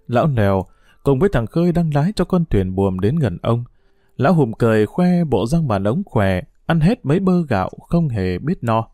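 A man narrating a story as an audiobook in an expressive storytelling manner. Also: mid-range voice, no echo. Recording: dry close mic with faint music.

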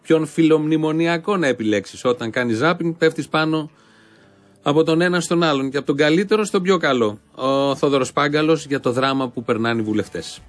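A man hosting a satirical show, commenting on clips in a dry, mocking manner. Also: a little high. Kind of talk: sarcastic commentary.

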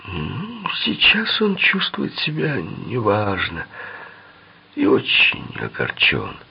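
A man voicing a sinister young male thug who speaks in a soft, creepy, mocking way. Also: on the low side, wildly swooping pitch, takes it slowly, gravelly, muffled recording, slight background noise, heavily acted. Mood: mocking menace.

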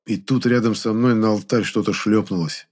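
A man reading a first-person fantasy audiobook in steady, even storytelling. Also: lowish voice, moderate pace. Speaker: audiobook narrator.

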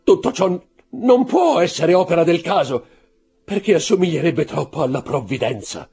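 A man reading an audiobook, voicing a terrified, superstitious male Corsican steward who shouts and pleads desperately. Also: on the high side, very animated, moderate pace, creaky, slightly rough, voice pushed up, exaggerated voice. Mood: panicked. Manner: shouting, desperate, trembling pleas.

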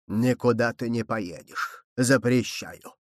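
A man doing a gruff, grumbling old grandfather. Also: medium pitch, takes it slowly, no room sound, studio quality, close to an everyday voice. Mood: commanding. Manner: gruff, muttering.

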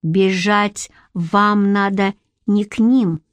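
A woman voicing a calm, secretive adult man in an audiobook. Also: mid-range voice, very slow, no echo. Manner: calm, level.

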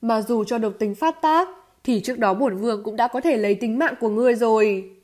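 A woman reading the part of a proud, defiant serpent queen in a storybook novel, hard and haughty in a loud voice. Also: fairly high pitch, moderate pace, lightly acted.

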